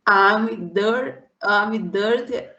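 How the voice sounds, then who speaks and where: Woman, Brazilian Portuguese accent, hesitant student, very slow, echoey room, dull call audio. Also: mid-range voice, bright, forceful tone. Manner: hesitant, restarting words, careful imitation. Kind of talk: repeating drills in a private lesson.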